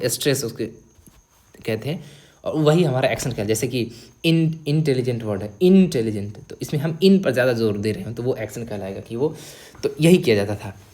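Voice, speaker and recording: Man, exam-prep teacher, mid-range pitch, explains step by step, drops in English terms. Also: a little mellow. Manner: explains step by step, often checks in with "ठीक है"; mixes English terms into Hindi.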